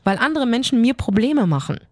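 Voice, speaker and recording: A woman co-hosts a casual podcast, telling her stories in a fiery, emphatic way. Her voice sits fairly high. The sound is dry and close, with almost no room around it. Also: sing-song, no room sound. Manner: fiery storytelling, quick, emphatic. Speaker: podcast co-host.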